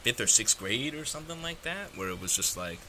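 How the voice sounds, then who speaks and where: A young man in his twenties co-hosting a podcast, animated and quick to agree. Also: mid-range voice, a little hiss or hum. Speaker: podcast co-host. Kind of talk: casual chat.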